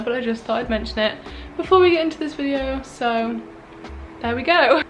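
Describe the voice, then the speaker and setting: A young woman who is unwell and a little tired, chatting casually through a room tour of her small studio flat on a handheld camera. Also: on the high side. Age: young adult. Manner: chatty, filler-heavy, pointing things out. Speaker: vlogger.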